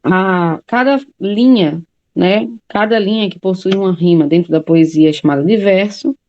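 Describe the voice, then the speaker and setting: A woman's voice: medium pitch, moderate pace, a little mellow, lo-fi sound. A woman teacher giving a classroom lecture, explaining step by step and often checking in with her students.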